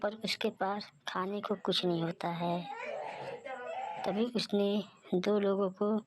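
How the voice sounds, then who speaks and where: A woman narrating a children's cartoon story in a plain, steady way. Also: mid-range voice, takes it slowly, crowd noise, rough recording.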